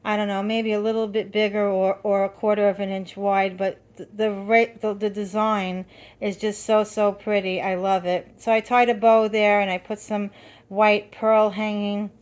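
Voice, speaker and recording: A middle-aged woman talks through her handmade decorations in a rambling, homey way, full of "um"s and little restarts. Her voice sits at an everyday middle pitch, and she sounds slightly out of breath as she chats at home. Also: level tone, normal speed. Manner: chatty, rambling, many fillers and restarts. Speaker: craft video host. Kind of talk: casual show-and-tell. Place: home craft room.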